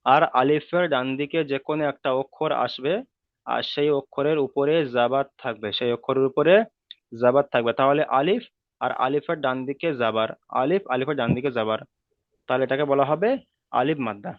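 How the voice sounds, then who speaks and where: Over a tinny, dry video-call connection, a man with a mid-range voice teaches an online Quran reading class. He repeats the rules slowly and draws out the vowel sounds.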